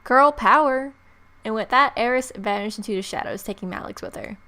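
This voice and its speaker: Fairly high, bright, and forceful, this young let's-play host's voice runs a little fast. She reads the game narration with plenty of expression and drops in playful reactions, with game music playing in the background.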